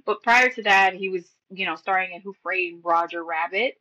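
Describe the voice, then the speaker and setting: Bright-voiced woman on a podcast. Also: fairly low pitch, moderate pace, highs cut off. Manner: supportive, rambling with fillers and restarts. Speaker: podcast co-host. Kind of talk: casual movie-rewatch chat.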